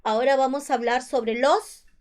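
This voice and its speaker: A woman's voice: sits high, fairly even intonation, moderate pace, a little mellow. A woman teacher with a Peruvian Spanish accent, patiently explaining spelling rules and repeating each one. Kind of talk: spelling lesson explained over slides.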